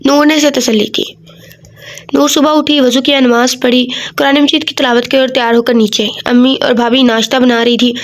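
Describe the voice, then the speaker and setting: A woman's voice: high-pitched, little pitch movement, normal speed. A woman reading a romance novel aloud as narrator, with slips she corrects and casual joking asides.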